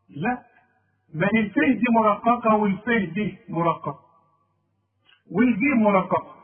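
A man with an Egyptian accent teaching Quran recitation rules, correcting a student and repeating sounds slowly. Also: sits high, husky. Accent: Egyptian Arabic. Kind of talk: tajweed lesson. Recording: tinny phone-like audio.

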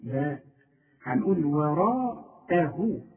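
Egyptian man, recitation teacher, fairly high voice, correcting a student, tinny distant phone sound. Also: sing-song. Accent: Egyptian Arabic. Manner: corrective, demonstrates words by drawing them out slowly. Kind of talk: one-on-one tajweed lesson. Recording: tinny phone-like line, far from mic.

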